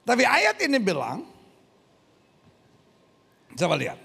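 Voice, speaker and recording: Sex: man. Role: pastor. Style: lively sermon, high and husky voice. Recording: echoey church hall. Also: measured pace. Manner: animated, questions the congregation, acts out voices.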